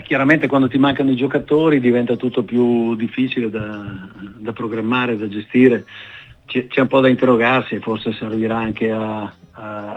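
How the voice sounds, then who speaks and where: Radio show caller, man, phone line, tinny, low voice, halting, pausing often, football coach commentary. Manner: halting, measured, frequent pauses with "eh". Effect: caller heard over a phone line into a radio show. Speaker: football coach calling in as a guest. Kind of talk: casual expert commentary.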